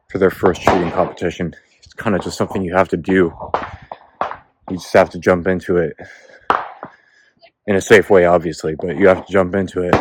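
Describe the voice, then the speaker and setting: A man with a very low voice rambles casually to his camera as he hikes an outdoor trail, a little out of breath. It is a noisy outdoor recording with gunfire popping in the distance. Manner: rambling, laid-back, lots of filler words. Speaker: vlogger. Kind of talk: casual vlog talk while hiking. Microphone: self-filming camera. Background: distant gunfire from a shooting range.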